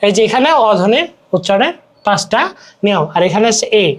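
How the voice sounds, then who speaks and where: A man's voice: high-pitched, animated, fast. A young man with a Bangladeshi Bengali accent teaching an exam-prep grammar lesson, explaining step by step and repeating words while asking checking questions. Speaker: tutor.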